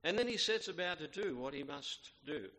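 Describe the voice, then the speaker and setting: A man reading scripture aloud and preaching a sermon in a measured, reverent way, pausing with fillers and restarts as he explains. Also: on the high side, lively intonation, pushed and bright. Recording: long hall reverb.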